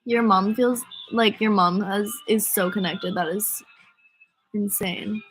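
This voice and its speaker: A young American singer with a stuffy cold answers fan comments during a casual livestream, rambling through stories packed with "like" and "um." Her medium-pitched, fairly bright voice is slow and fairly even in intonation, and the rough recording has faint music behind it.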